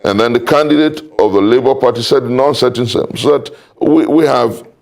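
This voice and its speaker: On a panel, a Nigerian man delivers argumentative political commentary in formal, legalistic language, emphatic and repeating phrases for weight. His voice is medium-pitched, creaky and fairly quick.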